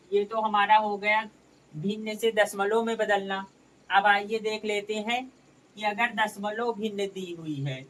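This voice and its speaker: A man's voice: high-pitched, sharp tone, recorded from a distance, slight background noise, low-quality recording. A man teaching a maths lesson step by step, calling his viewers friends as he works through each sum.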